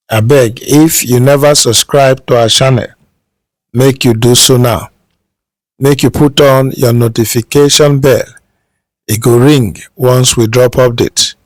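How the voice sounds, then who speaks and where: A man's voice: on the high side, no echo. A man with a Nigerian accent presenting news narration in Nigerian Pidgin.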